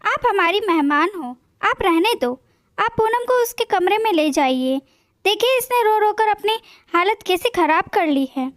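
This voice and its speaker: A woman voicing a gentle mother-in-law. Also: very high voice, expressive, a little slow, no room sound, clean studio sound. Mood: kind. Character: kind caring older mother-in-law.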